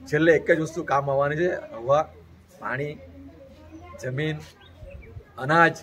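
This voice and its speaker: A man's voice: on the high side, measured pace, a bit bright, rough recording. A man from Gujarat, an interview guest, delivering an earnest, preachy message and repeating his points in long lists.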